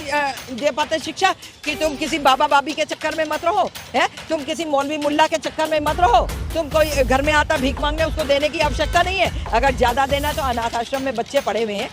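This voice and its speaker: A woman's voice: high-pitched, fairly quick, hardly any pauses, music in the background. A woman answering a street interview outdoors, emphatic and indignant, often asking "right?" as she makes her points.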